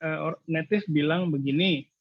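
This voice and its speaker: Man lecturer, raised pitch, dull dry audio. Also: dry recording. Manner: explanatory, hesitant, frequent filler pauses. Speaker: university lecturer. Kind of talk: casual thesis advising in an online seminar.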